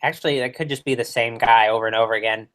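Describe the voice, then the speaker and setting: A man's voice: mid-range voice, steady tone, very fast, a bit bright, natural voice. A man playing a brash male werewolf horror-host doctor, answering questions in character on a livestream with rambling, crude jokes. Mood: wry. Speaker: guest.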